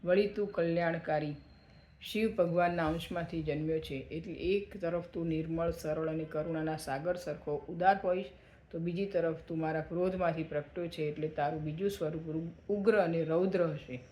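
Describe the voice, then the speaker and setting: A man voicing a mighty male creator god who is commanding and quick to anger, speaking in a solemn, declaiming way. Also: fairly high pitch, fairly even intonation, dark tone, lightly acted. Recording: echoey room.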